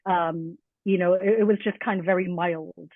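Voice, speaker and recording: A guest teacher from Scotland, a woman with a mild Edinburgh accent tinged with American, chats in a casual conversational interview full of fillers and laughs. Her voice is on the low side and steady in tone at a moderate pace, with no room sound, heard over a tinny, phone-like line.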